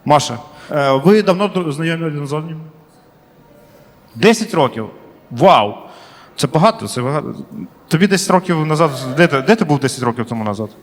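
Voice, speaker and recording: A man's voice: fairly high pitch, expressive, brisk, big-room sound. A male stand-up comedian doing crowd work in a comedy club, chatty and slangy, swearing freely.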